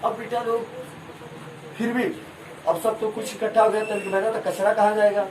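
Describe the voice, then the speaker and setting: A man's voice: high-pitched, little pitch movement, normal speed, crowd noise. A male school science teacher giving a classroom lesson, asking the class questions and having them repeat answers, with homely examples. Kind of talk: classroom lesson with call-and-response. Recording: echoey room, far from mic, noisy.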